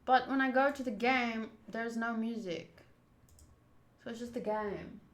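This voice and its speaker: A woman with a slightly high voice speaks a little slowly while hosting a live stream of a visual novel playthrough from a room at home. Her chatter is casual, playful, teasing and informal, and the room sounds echoey.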